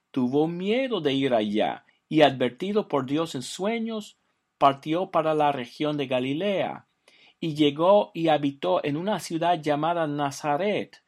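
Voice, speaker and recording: An older man from the southern United States, a native English speaker, giving a calm, measured recorded Bible lesson for a phone line. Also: a little high. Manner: calm, measured, reads scripture slowly. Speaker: Bible teacher.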